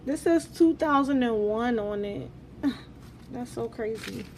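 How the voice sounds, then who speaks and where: A woman's voice: a little high, slow pace, background noise. A woman vlog host chatting casually as she counts along, her articulation slightly altered by new braces. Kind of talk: casual chat while counting cash and cards.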